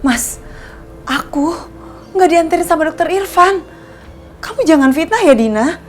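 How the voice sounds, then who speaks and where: An actress playing a patient young wife, earnest and defensive when accused. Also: female voice, extremely high pitch, expressive, a little slow, soft background music. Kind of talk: TV soap acting.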